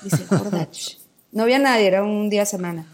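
Woman, middle-aged, from Mexico, guest, candid emotional storytelling, mid-pitched voice. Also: fast talker. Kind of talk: personal testimony in a podcast conversation.

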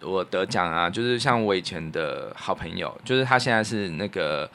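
A man with a Taiwanese Mandarin accent co-hosts a podcast, speaking in a low, expressive voice at a moderate pace with a sharp tone. A radio professional, he tells stories casually, sounding earnest, reflective and colloquial.

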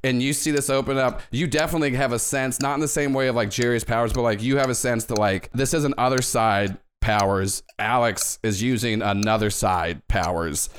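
A man's voice: medium pitch, steady tone, brisk, few pauses, a little hiss or hum. A man narrating a tabletop role-playing game as game master, in a casual, rambling, conversational way.

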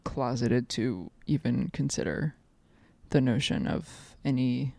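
A woman's voice: extremely low pitch, expressive, takes it slowly, vocal fry, warm tone, dry recording. A young woman co-hosting a podcast, chatting casually, joking and swearing freely. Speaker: podcast co-host. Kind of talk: casual chat. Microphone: studio microphone.

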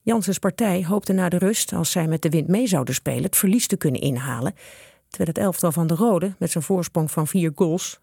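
A woman reading a children's story aloud in a lively narrating manner. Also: on the low side, creaky, breathy edge, no room sound, studio quality. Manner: lively, with character voices.

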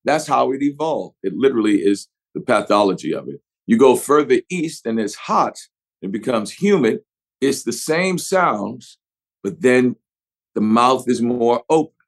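A middle-aged actor with a New Orleans accent, telling stories expansively in an interview and acting out examples with pitch swings. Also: male voice, animated, measured pace, low-quality recording. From New Orleans, USA. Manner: expansive storyteller, shifts pitch to act out examples. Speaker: actor guest. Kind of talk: animated interview talk.

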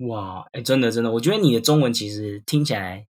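Guy hosting a podcast interview, medium pitch, kinda husky, conversational questions. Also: animated, quick pace.

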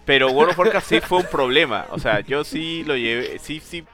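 A man's voice: fairly high pitch, expressive, moderate pace, over loud music. A man, chatting casually and rambling with self-mocking asides. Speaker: podcast co-host. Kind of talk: casual chat.

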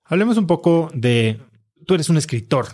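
A man interviewing a guest, asking calm, prompting questions. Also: on the high side, normal speed.

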